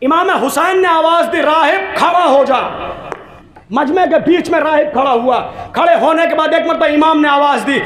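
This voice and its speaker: A preacher from India telling a story in an impassioned, shouted sermon, repeating phrases for effect. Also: male voice, very high voice, brisk, hardly any pauses. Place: mourning gathering hall. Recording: echoey hall with a crowd.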